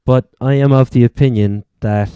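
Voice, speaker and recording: A man's voice: medium pitch, steady tone, normal speed, warm tone, clean tone, dry recording. A man with an Irish accent from Cork, hosting a casual sports chat. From Ireland. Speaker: sports podcast host.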